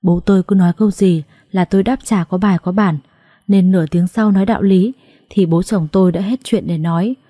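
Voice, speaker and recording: A woman narrating a dramatic first-person family story in a brisk, vivid way. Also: medium pitch, steady tone, dark tone, no room sound, clean studio sound.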